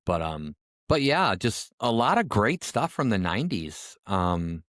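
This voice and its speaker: A man in his forties with a very low voice chats casually as a podcast co-host. He jokes in a dry, self-mocking way, and the recording is close and dry with no room sound. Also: big pitch swings, a little slow, a bit bright, no room sound. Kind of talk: casual chat.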